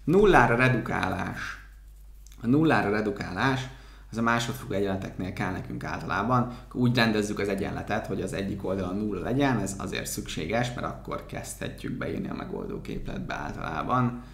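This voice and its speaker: A man with a low, gravelly voice walks students through math terms one by one, checking in with his co-host as he goes. The room has a noticeable echo. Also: animated, a bit bright. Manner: explains definitions step by step, agrees with co-host. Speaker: math tutor. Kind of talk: casual exam-prep explanation.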